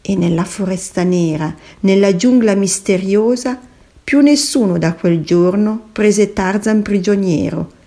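Slow, mellow woman telling a rhyme. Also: mid-range voice. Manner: sing-song rhyming cadence, addresses children. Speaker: storyteller. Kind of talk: rhyming children's story narration.

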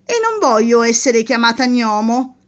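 A woman's voice: fairly high pitch, big pitch swings, normal speed, lo-fi sound. A woman putting on a sad, stubborn little fairy. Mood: sad, firm. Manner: firm, plaintive refusals.

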